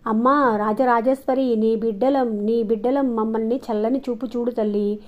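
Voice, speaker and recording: A devout, sharp-tongued matron of the household, read by a woman narrator, pleading fervently in a rather high voice. The sound is dull and lo-fi, like a home recording. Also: fairly even intonation, normal speed, lightly acted.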